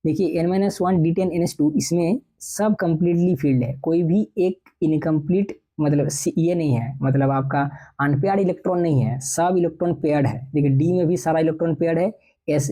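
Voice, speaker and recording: A young man teaching chemistry for entrance exams, reading textbook lines slowly and then explaining them quickly in a mix of Hindi and English. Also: on the high side, dark tone, poor audio. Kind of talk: exam-prep lecture.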